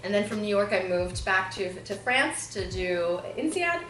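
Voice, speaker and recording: This interview guest, a thirtysomething woman who was born in Bulgaria but grew up in Southern California, answers questions in a chatty, explanatory style full of asides. She sounds animated and a bit bright, medium in pitch and moderate in pace, with faint music, roomy echo and a distant mic.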